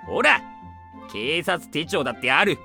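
A woman playing a pompous, gruff, quick-tempered male mouse police inspector in an audio drama, imperious and blustering. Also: sits low, big pitch swings, pushed and bright, soft background music, exaggerated voice. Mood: indignant, blustering.

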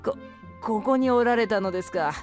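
A woman's voice: on the high side, moderate pace, a little mellow, soft background music, close to an everyday voice. A woman playing a deferential, nervous rookie police subordinate in an audio drama, formal and hesitant with a slight stammer. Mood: flustered.

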